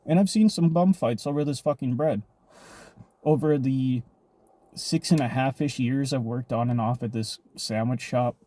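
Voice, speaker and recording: Man, mellow dark voice, casual storytime vlog, rambling, swears a lot. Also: mid-range voice, normal speed. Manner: rambling, profane, digressive. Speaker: vlogger telling a personal story.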